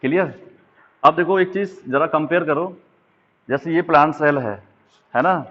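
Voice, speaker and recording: Through a tinny line that sounds like a phone, a man with a fairly high voice and moderate pace gives a biology lesson aimed at exams. He explains by drawing diagrams, with frequent check-ins.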